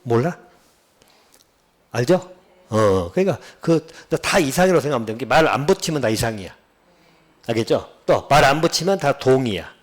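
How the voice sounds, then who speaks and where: Male cram-school lecturer, mid pitch, blunt and informal, keeps checking students follow, drags out key terms. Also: lively intonation, moderate pace, long pauses. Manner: drills students with repeated check-in questions. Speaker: real estate law lecturer. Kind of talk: exam-prep lecture.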